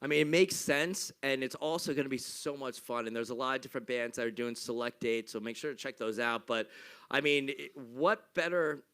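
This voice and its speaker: A man's voice: medium pitch, fairly quick, a bit bright, clear, resonant tone. A male music show host interviewing a band in a hyped, playful way. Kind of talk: casual interview chat.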